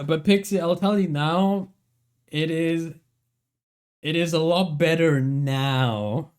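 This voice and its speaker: A man's voice: mid-range voice, a little mellow, clean tone. Upbeat male streamer on a headset mic. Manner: chatty, rambling, upbeat. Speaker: livestreamer. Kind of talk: casual stream chat thanking viewers. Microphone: livestream headset mic.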